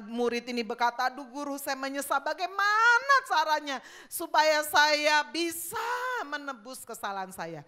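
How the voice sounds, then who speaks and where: A woman pastor preaches in a church. Her voice is high and bright. She tells lively stories and acts out the people in them. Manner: lively storytelling, acting out gossiping voices. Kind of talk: sermon.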